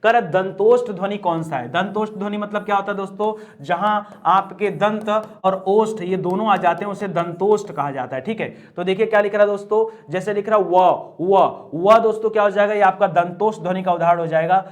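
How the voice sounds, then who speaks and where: A man's voice: high voice, fairly quick, hardly any pauses. A male Hindi grammar teacher working through an exam quiz, repeating each answer and checking in with the class again and again. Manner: drills answers with repeated "ठीक है?" and "दोस्तों". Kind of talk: exam prep lesson.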